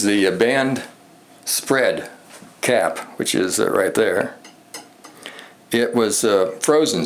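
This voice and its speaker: In this casual, unscripted show-and-tell, a hobbyist shows how he repairs a vintage radio. His low voice wanders and halts as he thinks out loud, and the echoey room carries some background noise.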